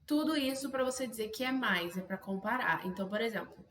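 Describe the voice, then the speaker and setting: A Brazilian woman teaching an English grammar lesson, chatty and casual, often adding quick tag questions. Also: on the high side, lively intonation, fairly bright tone, roomy sound. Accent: Brazilian Portuguese. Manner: chatty, self-interrupting, frequent "né?" tags. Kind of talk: online language lesson.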